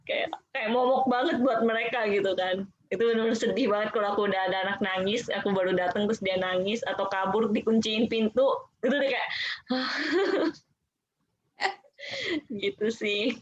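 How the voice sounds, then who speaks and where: A woman's voice: medium pitch, moderate pace, dull audio, a crowd in the background. A woman teacher of special-needs children telling her story in a casual, chatty way, full of fillers. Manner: chatty, heavy use of fillers. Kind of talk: casual live chat storytelling.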